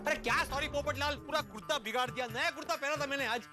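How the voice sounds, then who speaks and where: A man's voice: very high-pitched, fast. A man acting in a television sitcom as a neighbour who complains and mocks. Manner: mocking, complaining. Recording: background music.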